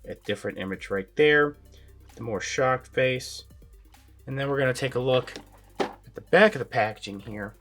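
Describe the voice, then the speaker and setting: A toy reviewer hosting his channel speaks in a mid-range voice made raspy by a sinus infection. His casual review is relaxed and rambling, peppered with filler words.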